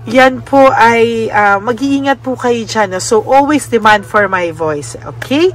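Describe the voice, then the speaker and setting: A Filipino woman giving a casual spoken card reading to her viewers, gentle and often adding little tag questions. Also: on the high side, unhurried. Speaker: tarot card reader.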